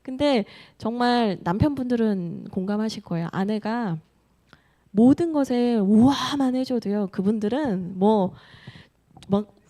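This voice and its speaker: A woman's voice: fairly high pitch, unhurried, dark tone. A woman in her thirties, a pastor preaching a sermon in a church and telling a personal story with playful quoted dialogue. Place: church sanctuary.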